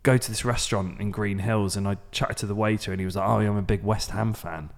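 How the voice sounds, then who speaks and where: A man from England co-hosts a podcast, talking fast in a fairly low voice. He jokes and pokes fun at himself and his own side. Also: fairly even intonation, gravelly. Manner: joking, self-mocking. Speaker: podcast co-host. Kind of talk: casual chat.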